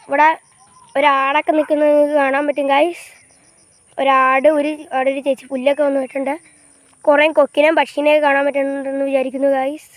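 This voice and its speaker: This vlogger's recording is dry, made on an old phone camera while she bikes outdoors beside a canal and farmland. She's high-pitched with a level tone, stumbling, repeating herself and calling out "guys" again and again in her casual walking-tour vlog.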